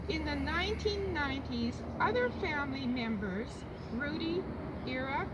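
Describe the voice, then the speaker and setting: An older woman reading a prepared family eulogy in a measured, formal way. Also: sits high. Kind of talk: prepared funeral eulogy, read aloud. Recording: distant muffled mic, loud background noise.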